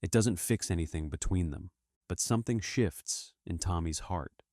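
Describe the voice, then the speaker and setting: Male narrator with a very low voice and a dry, close sound, reading a dramatic movie recap. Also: normal speed, dry recording. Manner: steady dramatic storytelling. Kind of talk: scripted narration.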